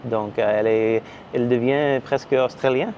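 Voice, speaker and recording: A man's voice: medium pitch, fairly even intonation, normal speed. A man from Canada talks casually to camera in a vlog. He hesitates often and fills the gaps while he searches for words in a language that is not his first. The recording sounds slightly dull, and a faint air-conditioning hum runs underneath. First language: English. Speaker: vlogger.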